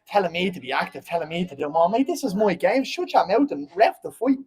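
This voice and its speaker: His voice is high and a little mellow, with lively intonation and a rapid delivery. This Dubliner in his twenties, from Ireland, rambles bluntly and heatedly at a post-fight press conference, frequently tossing in "you know what I mean."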